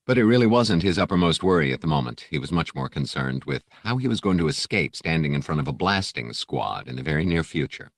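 Speaking in an extremely low voice, a man reads an adventure audiobook in a sing-song way, a little fast with few pauses. The scripted narration is captured close and dry, without echo.

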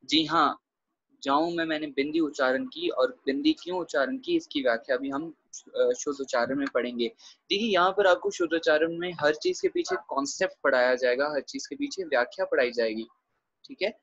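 A man's voice: on the high side, sing-song, fairly quick, fairly bright tone, breathy edge, no room sound, dull audio. A man teaching a grammar lesson over a video call, explaining patiently and checking in often with his students. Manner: explains patiently, checks with frequent "theek hai".

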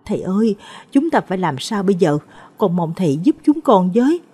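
An anxious young mother pleads with an exorcist in a spooky audio tale, voiced by a woman storyteller. Her voice is mellow and breathy, rising and falling with worry. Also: mid-range voice, sing-song, fairly quick. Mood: worried. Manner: worried, pleading.

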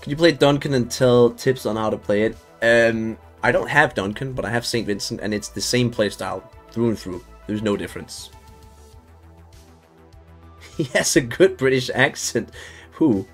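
A man's voice: medium pitch, moderate pace, a bit bright, faint music behind. Laid-back man streaming a game. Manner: loose and chatty, swears, laughs often, many restarts. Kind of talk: casual live-stream game commentary.

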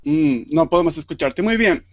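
A man's voice: fairly high pitch, expressive, moderate pace, no room sound. A man from Argentina with an Argentine Spanish accent, teaching an online group lesson and patiently repeating words for learners.

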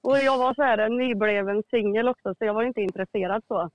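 A man's voice: high-pitched, dry recording, highs cut off. A man calling in as a listener, telling a story casually and acting out quoted lines with frequent laughs. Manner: laughs often while telling, animated quoting. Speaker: listener caller.

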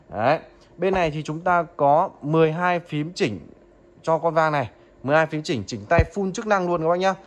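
Chatty man selling gear. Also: on the high side. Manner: chatty, addresses viewers as "các bác", frequent "được chưa?". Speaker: audio equipment seller. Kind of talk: product demo sales pitch.

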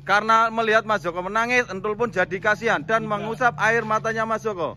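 Guy running an acting challenge, high bright voice, keeps cracking up. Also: steady tone, brisk. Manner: narrates scenes and gives directions, often breaks into laughter. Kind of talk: casual comedic directing.

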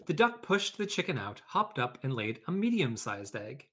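A man's voice: medium pitch, big pitch swings, normal speed, fairly bright tone, husky. A man hosting a read-aloud for children, talking informally and explaining things, or reading a storybook. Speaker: educator, read-aloud host.

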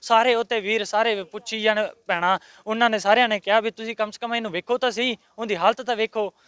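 A man's voice: high-pitched, steady tone, fast talker, a bit bright, smooth, no room sound. A man with a Punjabi accent, aggrieved and insistent as he tells a reporter how his wife was left untreated. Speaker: patient's husband. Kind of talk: complaint to a reporter. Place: outside a hospital.

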